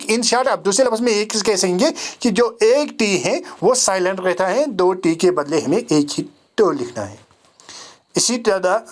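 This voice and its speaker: A man with a rather high voice gives a recorded online lecture on English phonetics. He talks his students through each rule patiently, checks that they are following, and repeats the key points to drive them home. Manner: explains patiently, checking understanding.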